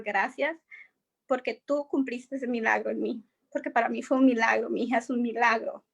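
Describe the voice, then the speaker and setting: A woman's voice: on the high side, vocal fry, fairly bright tone. A woman giving an earnest personal faith testimony, acting out the dialogue of her story. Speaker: guest sharing testimony.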